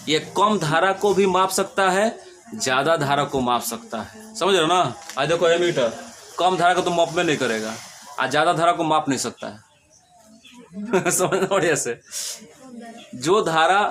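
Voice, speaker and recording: A man's voice: fairly high pitch, fairly bright tone, slight background noise. A male physics teacher gives a classroom lecture. He asks questions and answers them himself, repeats his points and jokes with homely analogies.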